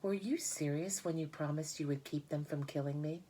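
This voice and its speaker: A woman's voice: low voice, normal speed, mellow, a little hiss or hum, voice pushed up, close to an everyday voice. An innocent young boy pig from a storybook, played by a woman, earnest and affectionate. He pleads and questions with childlike eagerness, his worry never far away, in a voice lifted above plain narration. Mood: anxious, earnest.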